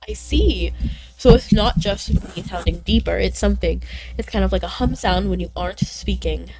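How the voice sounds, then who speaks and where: The audio is poor as a young woman with a mid-range voice streams a game and chats casually with her audience. Slightly congested from sickness, she comes across bubbly and chatty, bursting into excitement now and then, while game music plays faintly.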